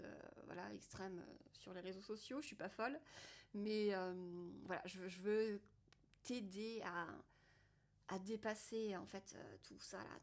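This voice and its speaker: Woman from France, vlogger; confessional, rambling, casually profane delivery. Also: mid-range voice. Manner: candid, unfiltered, swears casually; thinks aloud in loose, rambling phrases. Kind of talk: casual confessional talk to camera.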